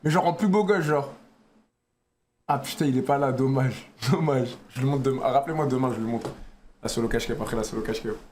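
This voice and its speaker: A man's voice: medium pitch, fast, darkish tone, a little hiss or hum. A man with a Parisian French accent chatting casually and flirtatiously in teasing slang, as a streamer talking with strangers.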